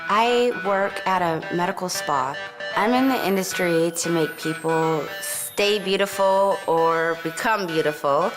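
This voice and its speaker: A bubbly, upbeat woman with a notably low voice talks about herself in a casual interview. Music plays clearly behind her. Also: a little slow. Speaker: contestant.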